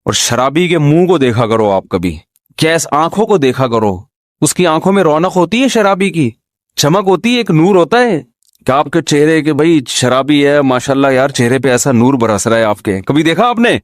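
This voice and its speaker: A man's voice: on the high side, very animated, no echo, clean studio sound. A man giving an informal, humorous religious talk, often throwing rhetorical questions at his listeners. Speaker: Islamic scholar giving a talk.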